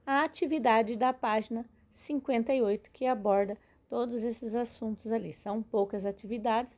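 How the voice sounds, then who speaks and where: A woman teaching a recorded grammar lesson, explaining slowly and splitting words into syllables, often checking in with her students. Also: a little high, a little mellow.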